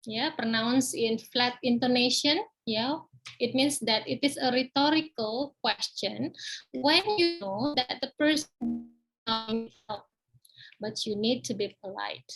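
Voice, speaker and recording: A woman giving a pronunciation webinar lesson, dropping "ya" and "nah" into nearly every phrase and slowing down for her English example phrases. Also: fairly high pitch, a bit bright.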